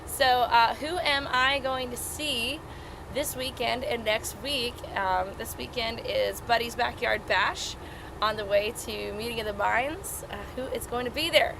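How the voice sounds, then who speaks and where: A woman's voice: a little high, unhurried, vocal fry, background noise. A woman hosting a casual livestream from inside a small RV trailer, talking in a folksy, chatty, welcoming way. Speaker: livestream host and singer-musician. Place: inside an RV with air conditioning running. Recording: small trailer interior, music behind.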